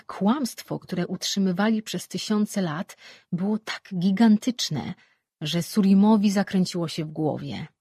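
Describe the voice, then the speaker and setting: A woman narrating a fantasy audiobook in a measured reading voice, giving the characters light shifts of tone. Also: mid-range voice, warm tone, breathy edge, dry recording, clean studio sound. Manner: measured, reads all characters in her own voice with light shifts.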